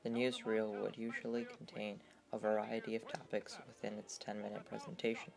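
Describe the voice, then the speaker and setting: A man reading scripted documentary narration in a measured, even, gravelly voice. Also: lowish voice.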